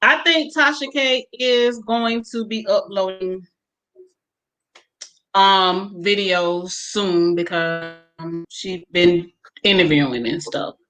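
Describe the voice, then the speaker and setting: A woman's voice: mid-range voice, steady tone, slow, fairly bright tone, faint music behind, poor audio. A woman co-hosting a casual chat, reading viewer comments aloud with a few hesitant fillers.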